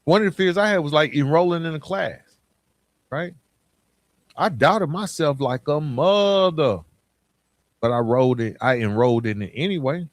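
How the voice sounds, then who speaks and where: On the high side and at a normal speed, this podcast host pauses often while speaking earnestly and emphatically to the listener in colloquial, motivational talk, with no echo in the recording.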